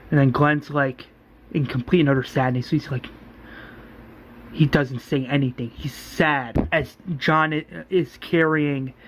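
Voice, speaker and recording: A man's voice: mid-range voice, slight background noise. A man casually retelling a fan series episode scene by scene, rambling with restarts and acting out quoted lines. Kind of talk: casual spoken retelling of a story.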